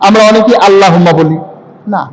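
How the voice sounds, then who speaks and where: A man teaching how to say a prayer, explaining point by point and slowly chanting the prayer words for listeners to repeat. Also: sits high, a crowd in the background, poor audio. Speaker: religious teacher. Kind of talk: prayer recitation lesson.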